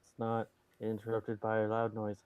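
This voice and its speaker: A game master running a tabletop session, talking in a relaxed, jokey way. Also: mid-range voice, moderate pace, smooth, no room sound, phone-quality sound. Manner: laid-back, jokey, laughs a lot. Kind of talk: casual game talk.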